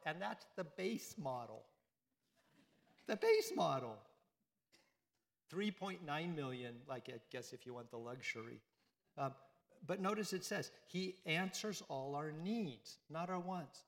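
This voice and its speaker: A man's voice: high-pitched, expressive, normal speed, a bit bright, long reverb tail. A man giving a conversational sermon to a congregation, often repeating phrases and asking them questions. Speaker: priest. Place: church.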